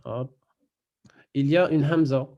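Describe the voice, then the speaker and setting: A man teaching a Quran recitation class online, patiently explaining step by step and repeating words slowly. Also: medium pitch, steady tone, warm tone, highs cut off.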